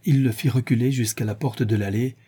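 A man narrating a classic novel in a measured, dramatic reading. His voice is dark-toned and mellow, with a faint husky grain. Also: medium pitch, fairly even intonation. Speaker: audiobook narrator. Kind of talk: scripted narration.

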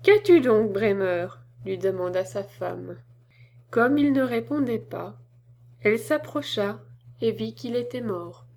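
A woman narrating an old storybook tale in a slow, measured audiobook reading. Her voice sits fairly high, and she lets each phrase settle before moving on. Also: lively intonation, vocal fry, darkish tone, slight background noise.

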